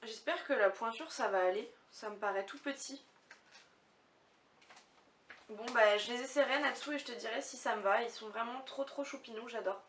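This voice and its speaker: A woman with a fairly high, fairly bright voice talks casually to the camera at a normal speed, like a vlogger unboxing gifts, gushing and thinking aloud. The recording sounds roomy and a bit distant, with faint background noise.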